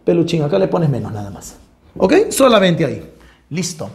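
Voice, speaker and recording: A man teaching math in a lively, joking, coaxing way. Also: on the high side, moderate pace, creaky, slight background noise. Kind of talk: animated math lesson.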